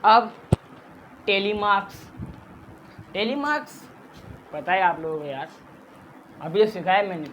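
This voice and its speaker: A man's voice: a little high, normal speed, noisy background. A man teaching a math lesson, patiently explaining steps, counting aloud and mixing in English terms. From Pakistan.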